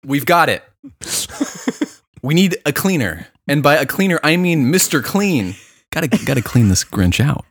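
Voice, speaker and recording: A man co-hosting a podcast, bursting in with excitable enthusiasm in casual chat. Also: a little high, measured pace, no room sound, studio quality. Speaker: podcast co-host.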